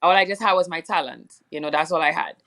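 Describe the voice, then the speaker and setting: A young Trinidadian soca singer with a Trinidadian accent chats casually as an interview guest, rambling, using lots of fillers and laughing often. Her voice sits low, with fairly even intonation, a quick pace and a fairly bright tone.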